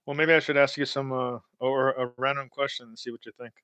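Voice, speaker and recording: Hosting a casual podcast from indoors at his home, a man rambles, swears often and trails off mid-sentence. His mid-range voice has little pitch movement and a sharp, clean tone, runs a little fast, and carries no room sound.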